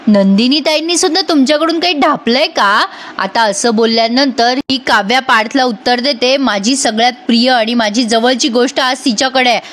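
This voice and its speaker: Chatty high-voiced woman retelling a serial. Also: moderate pace. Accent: Marathi. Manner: chatty, retells dialogue with lively character voices; addresses viewers directly, teasing asides. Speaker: serial episode narrator. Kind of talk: voice-over episode recap.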